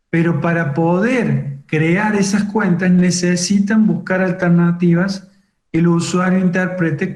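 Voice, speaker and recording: A man's voice: high-pitched, darkish tone. A man giving an online lecture on cybercrime, explaining step by step with fillers like "digamos" and "fíjense". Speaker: webinar instructor on cybercrime. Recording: roomy echo.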